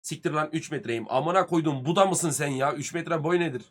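A man in his thirties, a streamer chatting casually with his viewers, joking crudely and swearing a lot, swinging between loud bursts and mutters. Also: a little high, fairly quick. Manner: lively, swings loud and soft.

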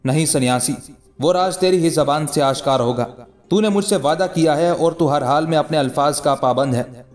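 A man's voice: on the high side, normal speed, darkish tone, faint music behind, lightly acted. A man voicing a scheming king in a read-aloud historical story, persuasive with flowery, pleading speech. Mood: coaxing.

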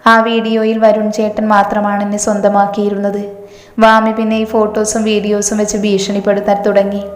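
A woman reading the lines of a frightened young woman who speaks haltingly and stammers, in an echoey room with a long reverb. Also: mid-range voice, completely flat delivery, close to an everyday voice.

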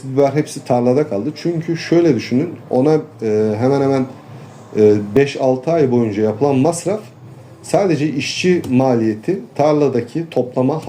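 A man gives an earnest street interview in a warm, dark voice. He complains steadily and halts now and then with fillers, over a faint hum of outdoor noise. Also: mid-range voice. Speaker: interviewee, farmer and local official.

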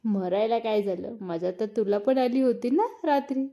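A woman's voice: on the high side, normal speed, creaky, mellow. A woman voicing a teasing, eager young husband, playful and insistent, in a read-aloud story.

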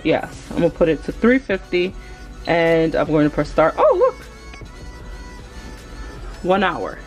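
A young woman with a slightly low voice chats to her viewers as she cooks at home. She talks as she works and gets excited easily. A little music plays faintly under her voice. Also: unhurried, poor audio. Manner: chatty, excitable, talks to viewers while working. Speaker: cooking vlogger. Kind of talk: casual cook-along narration. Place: home kitchen, indoors.

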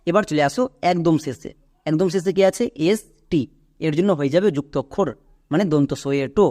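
A man's voice: fairly high pitch, brisk, warm tone. A man teaching English pronunciation, patiently spelling out letters and repeating sounds. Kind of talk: tutorial explanation.

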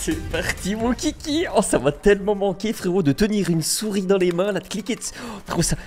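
This is a young man giving casual gameplay commentary for his viewers. His voice sits a little high and he talks in a slangy, excitable, chatty way. Faint game music plays behind him. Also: fast. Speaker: gaming YouTuber.

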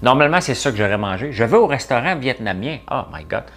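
Speaking fast in a medium-pitched, fairly bright voice that's creaky and sing-song, this middle-aged Quebec French-accented man runs a laid-back livestream. He reads out viewer comments and addresses his audience by name in casual live chat.

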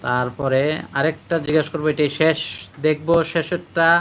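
A man teaching a live online Quran reading class. He patiently drills letters and syllables, repeating them slowly, and reads out and praises his students' answers. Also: fairly high pitch, steady tone, a little hiss or hum.

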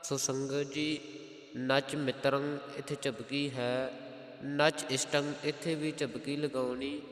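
Slow, echoing Punjabi man teaching scripture recitation. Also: mid-range voice, level tone. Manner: slow, methodical, chants each verse then explains spelling. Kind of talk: scripture pronunciation lesson with chanted verses. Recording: roomy echo with long reverb.

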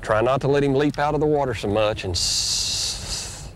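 This is a fishing show host, a middle-aged man teaching casually while he fishes from a bass boat on a lake. His delivery is folksy and drawling at a moderate pace, turning excited whenever a fish bites. It was recorded on 1990s tape, with noisy outdoor audio from the boat.

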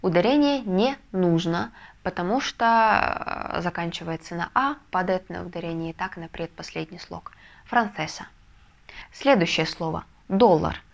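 A woman teaching a video lesson, explaining step by step with patient, soft confirmations. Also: fairly low pitch, measured pace, vocal fry. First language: Russian. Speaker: Spanish language teacher. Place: language school in a Russian city.

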